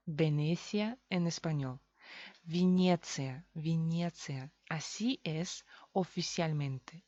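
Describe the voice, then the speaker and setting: A Russian woman teaches a language lesson in Spanish with a Russian accent, explaining slowly and repeating example words. Her voice is lowish and a little mellow, in a dry recording with the highs cut off.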